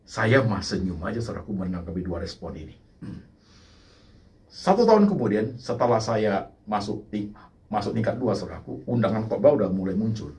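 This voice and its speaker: An older man preaching a sermon in a lively way, dropping English phrases and often addressing the congregation directly. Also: fairly low pitch, normal speed, distant mic. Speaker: pastor.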